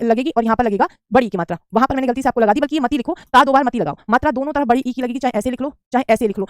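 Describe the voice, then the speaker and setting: Female tutor: quick, drilling delivery, keeps repeating answers, very dry recording. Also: high-pitched, no room sound. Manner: answers student questions, says "beta" often; repeats correct spellings for drill. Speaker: Hindi teacher. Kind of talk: online exam-prep class.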